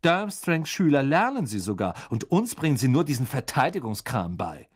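A man's voice: medium pitch, very animated, normal speed, voice pushed up. Man doing a snide, drawling rich boy. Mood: sneering. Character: arrogant sneering schoolboy.

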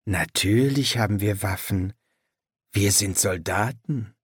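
A man voicing a cool, sardonic young soldier with a low, dry delivery. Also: takes it slowly, husky, no echo.

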